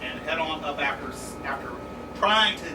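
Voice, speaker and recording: An echoey, distant and noisy recording of a high-pitched man at a game table. He chats casually and declares his moves haltingly, with many restarts. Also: expressive. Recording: roomy, distant mic, loud background noise.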